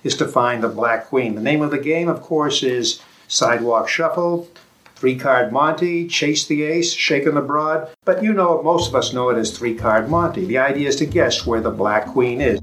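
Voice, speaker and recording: A man's voice: medium pitch, moderate pace, fairly bright tone, close to an everyday voice, low-quality recording. A man playing a street card hustler, giving showy, declaiming patter to onlookers. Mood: showy, inviting. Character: street card hustler barking his sidewalk game.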